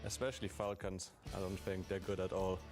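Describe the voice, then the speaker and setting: Man, esports player, low voice, cocky trash talk, music in background. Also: flat delivery, a little fast.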